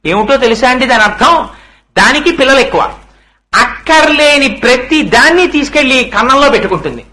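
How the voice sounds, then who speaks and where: A man giving a devotional sermon on scripture, chanting verses slowly and asking his listeners rhetorical questions. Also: very high voice, lively intonation, sharp tone, poor audio. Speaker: religious discourse speaker.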